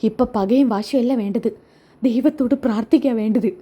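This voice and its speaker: A woman voicing a calm middle-aged father who soothes his upset wife. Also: on the high side, brisk, husky, highs cut off. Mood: soothing. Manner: soothing, steady.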